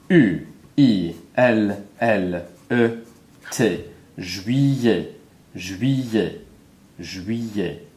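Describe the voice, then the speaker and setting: A man's voice: medium pitch, a little mellow. A man teaching a French lesson, spelling words letter by letter and repeating each one for learners.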